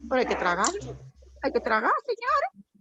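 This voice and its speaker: A woman's voice: medium pitch, normal speed, muffled recording, noisy background. Emotional woman telling a church testimony. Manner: emotional, animated storytelling with quoted voices. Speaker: church member sharing testimony. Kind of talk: heartfelt testimony in a prayer meeting.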